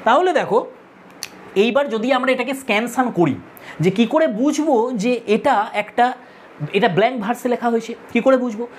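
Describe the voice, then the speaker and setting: A woman's voice: fairly high pitch, normal speed, slight background noise. A woman with a Bengali accent teaches a literature lesson for exam students, explaining step by step, counting aloud and repeating key terms.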